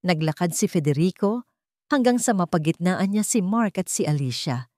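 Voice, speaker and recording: A female storyteller narrates a scripted romantic drama in dramatic style, her fairly low voice animated and a little mellow at normal speed. There's no echo at all; the sound is completely dry.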